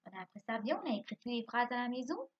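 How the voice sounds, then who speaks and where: Husky-voiced woman teaching a class. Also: fairly high pitch, big pitch swings, fast. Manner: asks questions and answers them herself, spells words letter by letter. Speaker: primary school teacher. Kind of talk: recorded remote class lesson. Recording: dull lo-fi recording.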